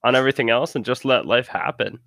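A man's voice: medium pitch, fast talker, creaky, fairly bright tone, no echo. Laid-back man asking questions. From Minnesota. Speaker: host. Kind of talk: casual interview.

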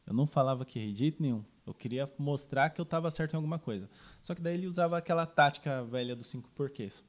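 A man's voice: medium pitch, fast talker. A man telling anecdotes in casual podcast talk, acting out quoted dialogue as he goes. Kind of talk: casual storytelling.

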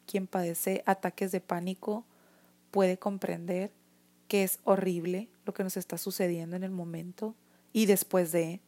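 Mexican woman talking straight to camera about her own life, earnest, kinda low and flat, keeps restarting. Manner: earnest and emotional, many restarts and "o sea" fillers. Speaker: vlogger sharing her experience. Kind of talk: personal testimony talk to camera.

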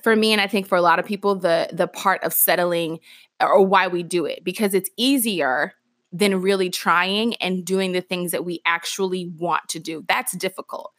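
A woman's voice: lowish voice, normal speed, fairly bright tone, no room sound. Woman podcast host, morning voice, chatty and reflective, close dry mic. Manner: conversational, reflective, many fillers and restarts. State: morning voice, clearing her throat. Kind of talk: casual solo podcast talk.

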